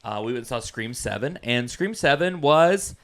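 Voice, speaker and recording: A man co-hosting a casual movie podcast, animated and exclaiming, with mock outrage at bad films. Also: medium pitch, normal speed. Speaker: podcast co-host.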